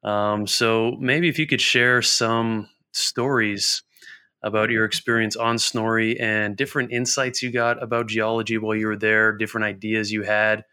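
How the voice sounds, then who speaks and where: Bright smooth man asking questions. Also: fairly low pitch, level tone, normal speed. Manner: friendly, rambling questions. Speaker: podcast co-host. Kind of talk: casual interview questions.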